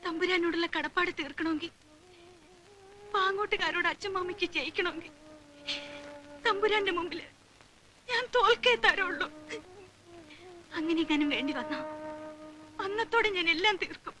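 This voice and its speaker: A woman's voice: very high-pitched, normal speed, long pauses, bright, forceful tone, slight background noise. An actress playing a despairing young orphan woman who speaks wearily through tears, in a film with music behind. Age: young adult. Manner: weary, tearful pleading. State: crying.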